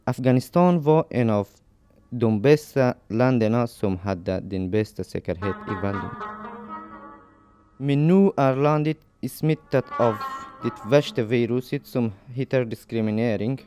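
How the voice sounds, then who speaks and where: A man reading a scripted documentary voice-over in an earnest, measured way, slowing down to stress key points. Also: medium pitch, dark tone, faint music behind. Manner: earnest, measured reading with slow deliberate emphasis. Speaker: documentary narrator.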